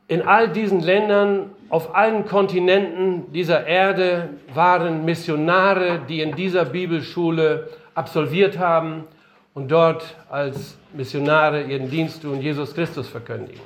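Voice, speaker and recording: An older missionary speaker with a slightly high, fairly bright voice gives an earnest, emphatic lecture-style sermon in a conference room. He poses rhetorical questions, his voice a bit strained from being unwell.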